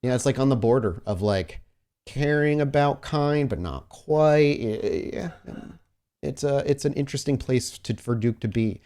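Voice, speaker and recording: This game master has a mid-range, dark-toned voice and sounds animated at a moderate pace. He narrates a tabletop roleplaying game for his player, speaking to them directly in a conversational, descriptive manner that mixes improvised narration with casual table talk.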